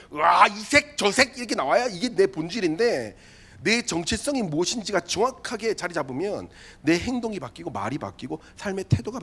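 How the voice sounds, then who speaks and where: A male youth pastor preaches to teenagers in a bright, high voice that leaps up and down as he tells a story. He slips into comic voices for the people in it and keeps turning to his listeners with direct, chatty questions. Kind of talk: sermon to a youth group.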